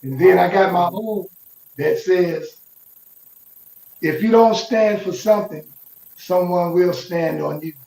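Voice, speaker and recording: A man's voice: sits high, takes it slowly, gravelly, pauses often, a little mellow. A man in his sixties, a guest minister and musician, talking in a playful, preacherly way. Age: 60s. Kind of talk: casual interview chat. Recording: echoey, distant from mic.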